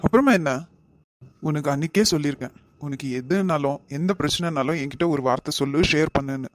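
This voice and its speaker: A man voicing a caring, lecturing uncle in an animated family drama, with a Kanyakumari Tamil accent. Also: a little high, fast, no room sound, natural voice. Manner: lecturing, earnest. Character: caring uncle figure, earnest and protective.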